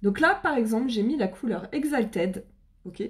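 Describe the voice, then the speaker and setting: Speaking with a French accent, an independent makeup seller chats on a live stream while showing off her products, bubbly and full of casual slang, greeting viewers by name. Her voice sits fairly high, expressive and brisk.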